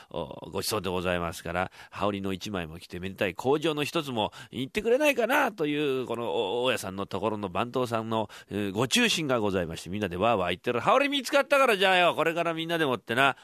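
A man hosting a live radio show and performing a short rakugo story, switching quickly between the voices of many townsfolk. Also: on the low side, no room sound, studio quality. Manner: fast, lively Edo-style storytelling.

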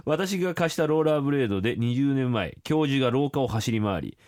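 A man's voice: mid-range voice, expressive, brisk, darkish tone, no room sound, clean studio sound. A man co-hosting a radio show, reading listener confessions aloud in a casual, teasing way and laughing along. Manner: joking, teasing, reads letters with laughs. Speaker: radio co-host. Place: radio studio. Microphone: studio microphone.

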